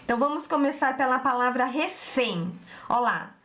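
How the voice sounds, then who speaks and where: A woman teacher, giving an online grammar lesson and slowly spelling out word endings for her pupils. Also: sits high, expressive, fairly bright tone. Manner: slow, didactic, stretches out word endings, addresses pupils as "turminha".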